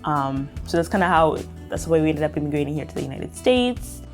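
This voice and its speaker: A woman's voice: sits low, expressive, brisk, soft background music. A young woman from Kenya, telling her story in a documentary interview, reflective and full of fillers. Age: young adult.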